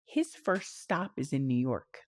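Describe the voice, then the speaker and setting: A middle-aged woman opens up as a podcast guest, telling her story with lots of laughter and feeling. Her voice is low, but it leaps up and down with emotion. She keeps checking in with "you know what I'm saying?". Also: sing-song, a little slow, darkish tone. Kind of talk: personal storytelling in a podcast interview.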